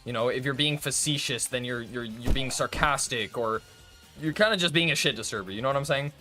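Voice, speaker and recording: A man's voice: mid-range voice, brisk, sharp tone, soft background music. A man chatting casually and rambling to his viewers while streaming a game, swearing and laughing often. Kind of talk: casual gaming stream chat.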